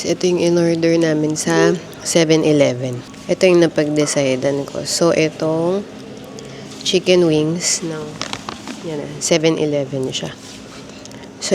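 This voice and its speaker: Woman, family travel vlogger, chatty, keeps calling out to viewers, lowish voice, clear background noise. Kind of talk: casual vlog narration to camera. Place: hotel laundry room and convenience store abroad. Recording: noisy handheld vlog audio.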